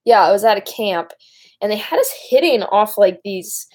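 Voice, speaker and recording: A woman's voice: mid-range voice, animated, normal speed, a little mellow. Young woman with a Michigan accent. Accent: Michigan, Great Lakes. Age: young adult. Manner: rambling, informal, breaks off and addresses viewers. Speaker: live-streamer. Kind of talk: casual live-stream chat.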